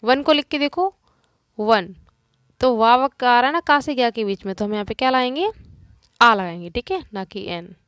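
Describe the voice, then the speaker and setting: A woman's voice: a little high, animated, moderate pace, fairly bright tone, clean tone, no room sound. A woman teacher working through a grammar lesson, explaining each answer step by step and asking and answering her own questions.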